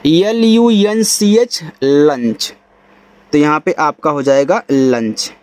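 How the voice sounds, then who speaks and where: A man with an Indian accent gives a reading lesson in Hindi, teaching English by spelling each word letter by letter and then sounding it out. His voice sits on the high side with a darkish tone, and he speaks slowly.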